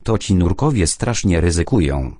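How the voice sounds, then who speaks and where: A man's voice: low voice, big pitch swings, normal speed, mellow, no echo, studio quality. Man putting on a cheeky teenage girl. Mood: eager.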